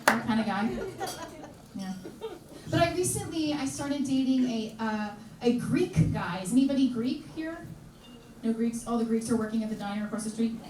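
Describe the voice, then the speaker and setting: Brash high-voiced woman comic on stage. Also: animated, moderate pace, very noisy. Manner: brash, chatty, teasing the audience. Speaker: stand-up comedian. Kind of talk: stand-up comedy. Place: live comedy club. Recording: echoey club, heard from far off. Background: audience laughter.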